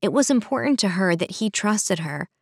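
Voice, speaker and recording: A woman reading a story aloud in steady audiobook narration, voicing the characters lightly. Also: mid-range voice, normal speed, dry recording, studio quality.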